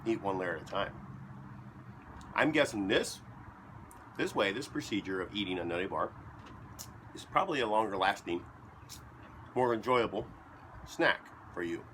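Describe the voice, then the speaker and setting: A man with a fairly low, bright-edged voice rambles casually in deadpan fashion, tossing in joking asides. He chews as he talks from his basement, with a faint hum of ambience behind him. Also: normal speed, long pauses. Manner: talks while chewing. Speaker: vlogger. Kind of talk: casual rambling monologue to camera.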